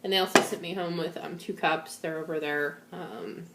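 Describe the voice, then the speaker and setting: Female vlogger, slightly low voice, weak and shaky post-surgery, informal delivery, roomy home recording. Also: fairly even intonation, normal speed, fairly bright tone, slight background noise. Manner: weak and a bit out of it after surgery. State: shaky, feverish, recovering from surgery. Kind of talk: casual personal video diary. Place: indoors at home. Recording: echoey room.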